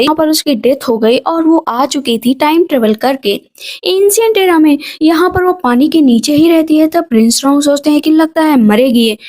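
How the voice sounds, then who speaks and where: A woman narrating a drama's plot in a quick retelling, voicing the characters' lines in her own voice with light inflection. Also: high-pitched, a little mellow. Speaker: movie recap narrator.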